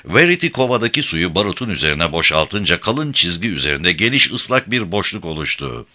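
Deep, bright-toned male audiobook narrator. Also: very animated, brisk.

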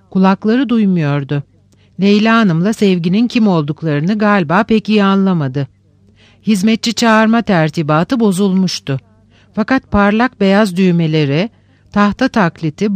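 A man reading literary fiction aloud as a narrator, measured and unhurried. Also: sits high, no room sound.

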